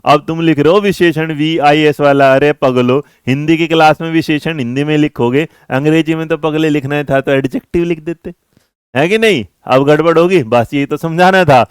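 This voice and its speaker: A young man runs an online exam-prep class, chatting and teasing his students as if they were his own kids. His voice sits a little high and comes through smooth and clear. The recording is close and dry, with no room sound. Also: moderate pace, no echo.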